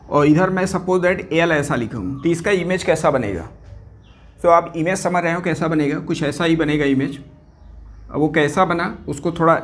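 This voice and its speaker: Man drilling physics terms in a lecture. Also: on the high side. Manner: repeats questions and answers them himself, calls students beta; mixes English terms into Hindi, drills key words. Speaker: physics teacher. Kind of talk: exam-prep lecture.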